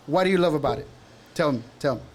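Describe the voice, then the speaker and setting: A man's voice: a little high, lively intonation, quick pace, darkish tone. A man from El Salvador in his thirties co-hosting a casual sports podcast, chatty and teasing. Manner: laid-back, chatty, teasing. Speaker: podcast co-host.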